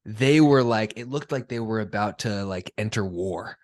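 A man's voice: on the low side, moderate pace. A young man hosting a casual podcast chat, laid-back and chatty, laughing often. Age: young adult. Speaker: podcast host.

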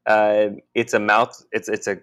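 A man co-hosting a podcast, talking in a halting, musing way with many restarts. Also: fairly low pitch, monotone, a bit bright, clean tone. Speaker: podcast co-host. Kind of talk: casual spiritual conversation.

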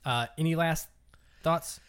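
A man's voice: fairly high pitch, a little slow, a bit bright, clear, resonant tone. A man hosting a casual podcast, upbeat and teasing as he steers the conversation. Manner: upbeat, teasing, leads the talk. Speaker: podcast co-host. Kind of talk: casual chat.

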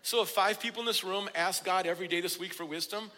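High, bright-voiced man preaching a sermon. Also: steady tone, fast. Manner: preaches with rising, emphatic declarations. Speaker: pastor. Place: church sanctuary. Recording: church hall with long reverb.

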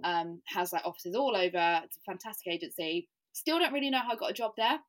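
A woman's voice: lowish voice, quick pace. A woman from England, chatting as a podcast guest with plenty of "like" and self-deprecating laughs. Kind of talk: casual podcast conversation.

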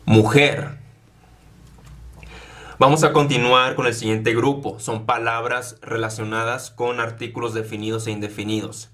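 A man teaching vocabulary, saying each word several times with clear, careful enunciation. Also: mid-range voice, a bit bright. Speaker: Spanish teacher. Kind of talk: vocabulary drill lesson.

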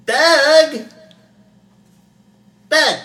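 A man putting on the voice of a young cartoon schoolgirl, yelling a name with a digital echo effect added. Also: drawn-out words, a little hiss or hum, exaggerated voice. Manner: yelling a name in a high put-on voice. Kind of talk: joking impression in a movie commentary.

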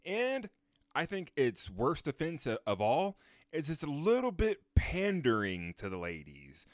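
A man's voice: a little high, wildly swooping pitch, measured pace, dry recording, clean studio sound. A man co-hosting a casual movie podcast, trading crude jokes and blunt verdicts. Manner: crude, laughing banter. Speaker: podcast co-host. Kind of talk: casual movie review chat.

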